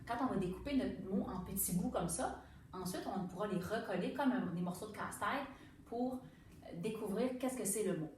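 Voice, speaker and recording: A woman's voice: medium pitch, normal speed, a little mellow, recorded from a distance, a little hiss or hum. A woman with a Quebec French accent teaching young children to read, patiently sounding out words. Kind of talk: reading lesson for young children. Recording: very echoey room, away from the mic.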